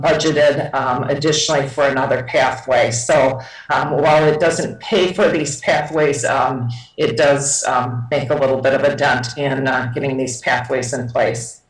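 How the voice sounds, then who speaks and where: A woman trustee candidate answering carefully at a forum, pausing often with ums. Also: low voice. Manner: careful, hesitant with many ums. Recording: echoey hall, mic from far off.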